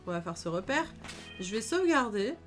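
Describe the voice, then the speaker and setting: A woman hosts a let's-play video over game music, chatting and thinking aloud in a casual, upbeat way full of fillers. Her voice is medium-pitched with big pitch swings, and she talks fairly quickly.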